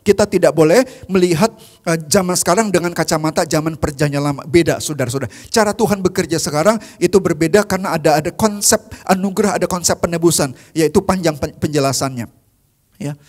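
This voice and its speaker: A man preaching a youth service sermon in a church, telling Bible stories in an animated way that swings from loud to very soft, with English phrases mixed in. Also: on the high side, fast talker.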